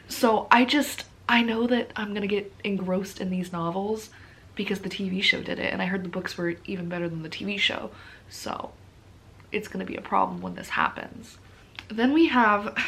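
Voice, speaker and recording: A woman's voice: mid-range voice, fairly bright tone. A tired woman chatting casually to camera as a book vlogger, informal, rambling and self-deprecating. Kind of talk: casual rambling chat to camera about books.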